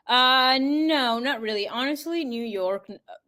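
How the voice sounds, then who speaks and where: A young Peruvian woman chats as a podcast guest in a casual interview. Her high voice is unhurried yet pushed and bright, and her speech is packed with fillers like "you know" and "like."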